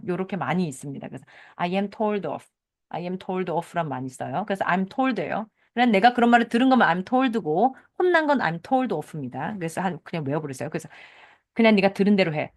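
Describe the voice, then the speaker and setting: A middle-aged woman from South Korea giving a chatty English lesson in Korean, explaining set phrases through example sentences. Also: fairly low pitch. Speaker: English teacher. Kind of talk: casual online English lesson.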